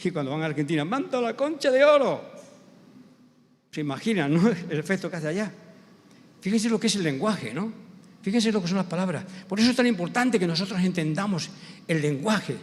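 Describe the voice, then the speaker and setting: High-voiced Spanish pastor in echoey hall. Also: male voice. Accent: Spain. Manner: animated storyteller who acts out quoted voices; builds to emphatic, slow preaching. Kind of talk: storytelling sermon. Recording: long church hall reverb.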